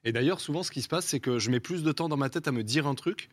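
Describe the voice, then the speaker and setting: Male guest, mid voice, rapid, hesitant explainer, dry mic. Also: fairly high pitch, dry recording. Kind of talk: casual group chat.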